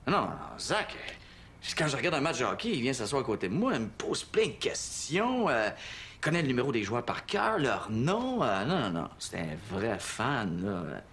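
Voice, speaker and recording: A man's voice: mid-range voice, very animated, normal speed, a bit bright, a little hiss or hum. An actor with a Québécois French accent playing an eager, persuasive father in a family sitcom, talking colloquially and insistently. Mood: excited, persuasive. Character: eager, persuasive father of a schoolboy, middle-aged. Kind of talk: naturalistic sitcom dialogue.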